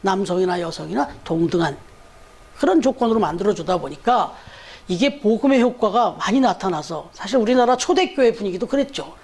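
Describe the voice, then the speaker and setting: A pastor preaching a Sunday sermon in church, talking conversationally and putting rhetorical questions to the congregation. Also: male voice, high voice, lively intonation, fairly quick, darkish tone.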